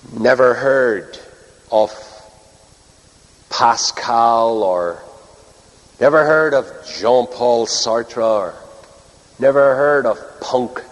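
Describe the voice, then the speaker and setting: Northern Irish preacher in a reverberant hall. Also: male voice, medium pitch. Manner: earnest, rhetorical repetition and dramatic pauses. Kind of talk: sermon to a congregation. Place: large hall or church, speaking to a live audience. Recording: long reverb of a large hall.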